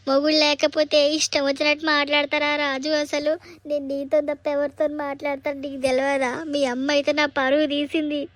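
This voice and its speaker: A woman's voice: high-pitched, no room sound, natural voice. A woman voicing an aggrieved young village woman with a Telangana accent, complaining plaintively. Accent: Telangana Telugu.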